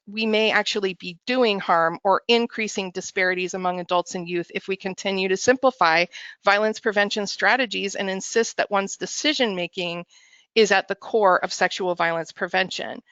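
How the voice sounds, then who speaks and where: Clear-voiced woman presenting earnestly. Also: mid-range voice, fairly bright tone, no echo. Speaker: presenter introducing other speakers. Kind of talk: prepared advocacy presentation. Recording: muffled, dry audio.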